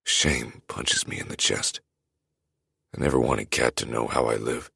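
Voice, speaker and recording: Very deep, gravelly male narrator. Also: unhurried, bright, forceful tone, no echo, clean studio sound. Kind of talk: first-person audiobook narration.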